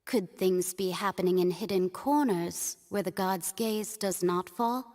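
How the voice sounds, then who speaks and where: A woman playing a solemn, cryptic figure in a fantasy video game, speaking in measured, formal, portentous phrases. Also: on the low side, darkish tone, natural voice. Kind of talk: video game cutscene voice acting.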